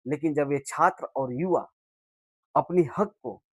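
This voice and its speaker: A man giving impassioned political commentary, speaking rhetorically and swinging between loud emphatic bursts and low, quiet lines. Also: measured pace, husky, no room sound. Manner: rhetorical, swells and drops in loudness for emphasis.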